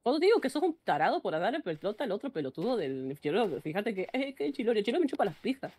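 A woman's voice: medium pitch, big pitch swings, fast talker, a little mellow. A woman streamer with an Argentine Spanish accent, ranting bluntly in casual live-stream chat and often cutting herself off mid-sentence. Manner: blunt, ranting, frequent self-interruptions.

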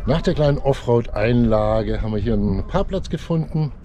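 A man casually narrating a travel vlog outdoors, in a relaxed, matter-of-fact way. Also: medium pitch, moderate pace. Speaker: travel vlogger. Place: outdoors on hiking trails and by a car. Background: background music.

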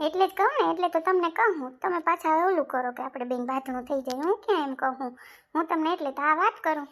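A nagging village wife, as a woman plays her in a comic skit, speaking with a Kathiyawadi Gujarati accent. Her voice is high and her talk is insistent and scolding, always pushing her husband to act. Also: fast talker, a bit bright. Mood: indignant.

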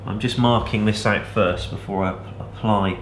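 A man in his thirties, a channel host, talking in a relaxed, practical way as he demonstrates a craft in a cluttered indoor workshop, picked up by a camera mic at a distance. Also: on the low side, normal speed. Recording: echoey workshop with background noise.

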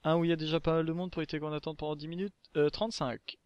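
A man's voice: fairly high pitch, flat delivery, racing, dry recording, muffled recording. A man in a casual gaming chat with friends, playful and teasing, laughing often. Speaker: gamer playing with friends.

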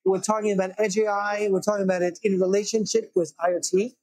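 Husky high-voiced male interview host. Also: flat delivery, fast talker, darkish tone, dry recording, poor audio. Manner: frequent brief acknowledgements. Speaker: show host. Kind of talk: conversational interview hosting. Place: small wood-paneled room, indoors. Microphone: lapel.

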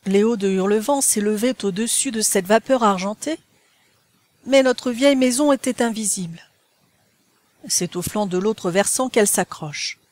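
A woman reads a classic novel aloud for an audiobook, narrating in a measured, even way. Her voice is medium-pitched, and the recording is dry.

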